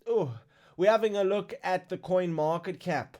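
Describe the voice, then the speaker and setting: Excitable male crypto stream host, hiccuping. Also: sits high, normal speed. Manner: excitable, exclaims over numbers. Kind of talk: casual live-stream news roundup.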